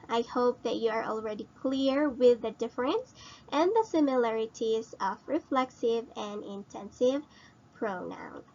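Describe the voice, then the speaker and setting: Woman teacher, slow and patient, asks students questions, slightly high voice, lo-fi recording. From Philippines. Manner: explains slowly and repeats, asks students questions. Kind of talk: recorded grammar lesson.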